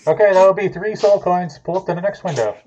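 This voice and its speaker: A man voicing a bored drive-thru worker at a fast-food shack in hell, taking orders flatly through a muffled drive-thru speaker. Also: high-pitched, a crowd in the background, voice pushed up. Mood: matter-of-fact. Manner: flat, matter-of-fact order-taking. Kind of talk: tabletop game role-play.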